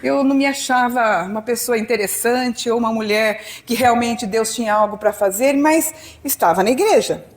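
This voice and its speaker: A Brazilian-accented woman in her sixties preaches to a congregation. She tells her own story in a warm, conversational way and acts out bits of dialogue. Her voice sits a little on the high side. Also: normal speed, hardly any pauses. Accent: Brazilian Portuguese. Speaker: pastor. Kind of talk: sermon testimony.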